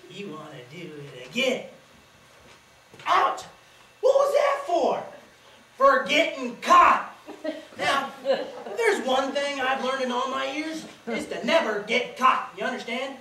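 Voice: sits high, sing-song, takes it slowly, long pauses, bright, forceful tone, a little hiss or hum, exaggerated voice. A student performer playing a boastful, sly old country grandfather who lectures with a cackling folksy drawl, on a school stage. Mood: boisterous. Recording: distant echoey auditorium recording.

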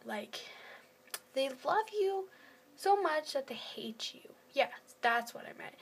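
A woman's voice: high voice, slight background noise. Chatty teen girl, half-whispering. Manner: chatty, self-deprecating, often drops to a half-whisper. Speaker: first-time vlogger. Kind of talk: casual rambling talk to camera. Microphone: phone camera.

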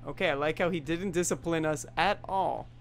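A man's voice: fairly high pitch, a little fast, vocal fry, a little hiss or hum. A young man playing a video game for viewers, joking and reacting as he goes. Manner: jokey, animated, talks to viewers. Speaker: gaming YouTuber. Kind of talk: let's play commentary.

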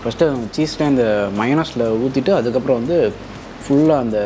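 Fast-talking man, chewing, noisy cafe. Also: medium pitch. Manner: chatty, enthusiastic, addresses viewers directly. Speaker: food vlogger. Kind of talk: casual food review.

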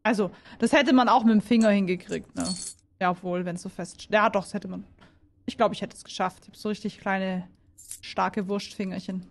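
A woman giving chatty let's play commentary on a horror game, jumpy and quick to shriek when startled. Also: mid-range voice, steady tone, vocal fry. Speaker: gaming video creator.

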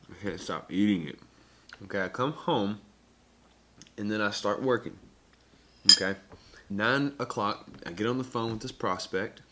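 Against a noisy background, a young man in his early adult years vlogs casually to a camera on a table or held at arm's length. His voice sits on the low side, and he's unhurried with long pauses, though his phrasing stays short, punchy, slangy and upbeat.

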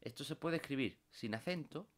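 Patient man teaching software. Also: medium pitch, expressive, brisk. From Spain. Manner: patient, explanatory, tags phrases with "¿vale?". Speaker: computer course instructor. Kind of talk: screen-recorded software tutorial.

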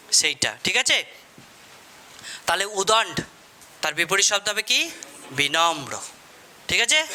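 A man with a Bengali accent teaches a class, firing questions at his students and repeating their answers back to them. His voice sits high and rings very bright. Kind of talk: classroom lesson.

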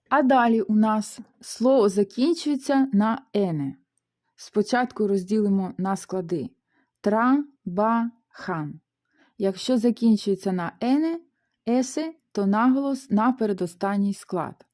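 A woman teaching a beginner language lesson, explaining rules step by step and sounding out syllables slowly. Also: medium pitch, a little mellow. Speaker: Spanish teacher.

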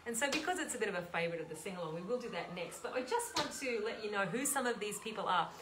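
A woman's voice: medium pitch, lively intonation, quick pace, background noise. An Australian woman hosting a sing-along, chatting casually and giggling as she introduces the people in a room with a piano. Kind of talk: casual chat between hymns. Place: room with a piano and a small group. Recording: echoey room with music.

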